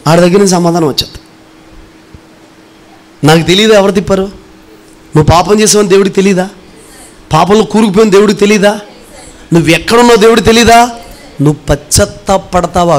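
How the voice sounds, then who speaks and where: A middle-aged male pastor preaching a sermon, earnestly pressing rhetorical questions on his congregation and swinging between forceful and hushed delivery. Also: high-pitched.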